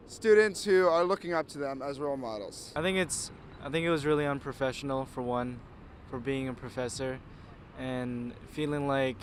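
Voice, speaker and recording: A man's voice: medium pitch, slight background noise. A young man giving a hesitant off-the-cuff opinion in an outdoor street interview.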